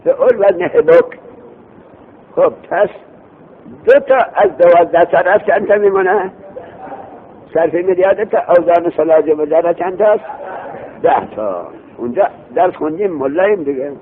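A man teaching a classroom lesson, explaining terms over and over and quizzing his students. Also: pauses often. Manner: lively, repeats terms, asks students questions. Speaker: teacher of Arabic morphology. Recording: tinny phone-like recording with faint rumble.

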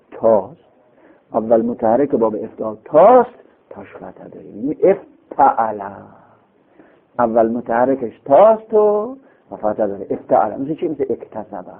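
A man with a gravelly, fairly high voice teaches a classical text, lingering on each point and repeating example words in a sing-song way. His pitch swings widely as he explains. The sound is thin and tinny, as if heard over a phone line. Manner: patient and repetitive, chanting example words several times.

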